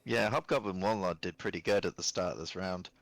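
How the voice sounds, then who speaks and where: A man running a tabletop game, relaxed and joking with the players. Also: sits low, a little fast, creaky, dry recording. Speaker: game master. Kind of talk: casual tabletop game play.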